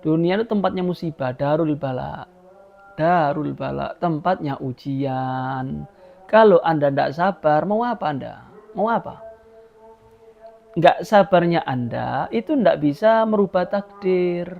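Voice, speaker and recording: High-voiced Javanese-accented preacher, animated. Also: male voice, measured pace, vocal fry, soft background music. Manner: lively, mixes in local phrases, acts out quoted voices. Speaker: Islamic preacher. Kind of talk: religious sermon. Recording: dull lo-fi live stream audio.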